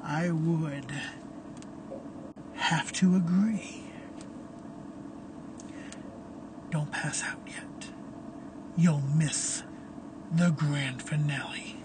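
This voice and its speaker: A storyteller voicing Caleb, a gleeful sadistic male killer, in a low, taunting, menacing whisper. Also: steady tone, extremely slow, pauses often, background noise.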